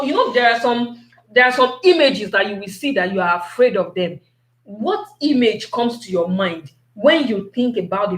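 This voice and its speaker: A woman giving a motivational talk, slow and repetitive, asking her listeners many questions. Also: a little high, fairly bright tone, roomy sound.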